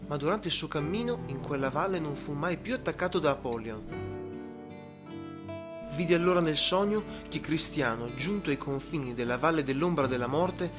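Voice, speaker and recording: A man narrating a story in a steady, measured way. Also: on the high side. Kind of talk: scripted narration. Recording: music playing behind.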